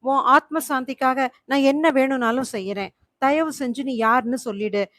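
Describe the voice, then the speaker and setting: A woman's voice: high voice, normal speed, a bit bright, dry recording, clean studio sound. A woman voicing a worried middle-aged husband who pleads anxiously, in a storybook reading.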